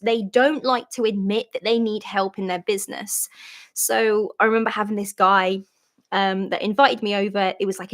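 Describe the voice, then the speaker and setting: A young woman hosting a casual live chat, telling stories in a chatty way and often correcting herself mid-sentence. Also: a little high. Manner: chatty, self-correcting storyteller. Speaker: live hangout host.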